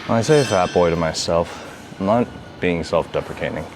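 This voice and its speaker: Music plays in the background as a man with a low-sitting voice talks to the camera at normal speed. He's a vlogger in a noisy gym, rambling easily between sets and often saying "dude" in casual workout chat.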